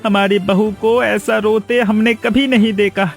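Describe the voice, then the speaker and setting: A man's voice: high voice, little pitch movement, measured pace, vocal fry, faint music behind, pitched above the performer's own voice. A man voicing an anxious young husband in a cartoon, pleading and eager to please. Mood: relieved. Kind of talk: cartoon voice acting.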